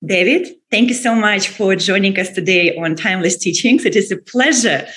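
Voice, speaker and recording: Soft-spoken woman podcast host. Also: mid-range voice, normal speed, soft background music. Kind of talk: calm scripted intro, then interview.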